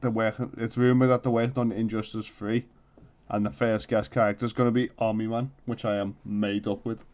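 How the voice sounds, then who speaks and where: A man co-hosting a casual podcast, easygoing and quick to laugh. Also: lowish voice, level tone, a little mellow, muffled recording. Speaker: podcast co-host. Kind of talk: casual chat.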